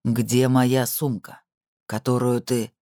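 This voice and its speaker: A man's voice: medium pitch, flat delivery, slow pace, mellow, dry recording, studio quality. A man voicing a desperate, hot-tempered ex-convict man who makes curt demands. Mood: demanding.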